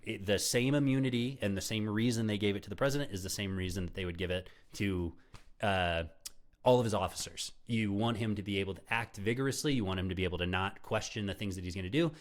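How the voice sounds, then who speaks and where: Streamer guy, lowish voice, cussing and mocking what he watches. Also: quick pace. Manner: profane, exasperated, sarcastic. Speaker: live streamer reacting to videos. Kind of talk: heated casual commentary.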